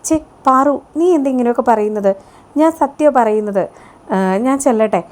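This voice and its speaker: A young woman who snaps back quickly and scolds without holding back, played by a woman retelling the story. Her voice sits a bit higher than a plain narrating tone. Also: lightly acted. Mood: defensive. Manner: sharp, scolding. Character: young woman, indignant and defensive.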